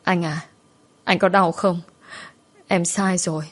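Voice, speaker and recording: A woman's voice: fairly low pitch, fairly even intonation, slow, a bit bright. A woman voicing a polite, timid little schoolgirl in a spoken storybook, keeping close to her own reading voice. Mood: tearful.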